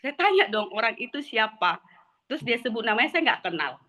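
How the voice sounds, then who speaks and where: A woman tells animated stories to a group meeting as a product distributor. She acts out what other people said and laughs often. Her voice sits a little high and sounds bright and forceful. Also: fairly quick. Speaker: product distributor sharing testimony. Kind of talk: testimonial sharing at a group meeting.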